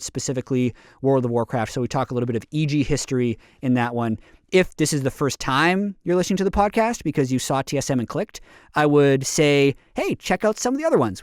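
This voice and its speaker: A man's voice: on the high side, no room sound, studio quality. A man hosting a podcast, chatting casually and upbeat with a guest. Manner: upbeat, conversational, reads out lists. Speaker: podcast host.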